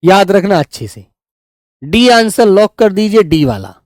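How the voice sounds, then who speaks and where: A man's voice: high-pitched, very animated, measured pace, a little mellow. A man teaches a live online class, walking his students through quiz answers in a patient, coaxing way. He keeps calling on them and encouraging them as he goes. The sound is dry and close, with no room echo. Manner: coaxing, addresses students as beta.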